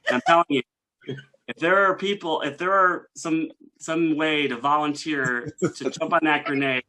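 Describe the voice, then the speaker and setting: Male comedian, slightly high voice, rambling self-deprecating stand-up over a video call. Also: steady tone, normal speed, sharp tone, poor audio.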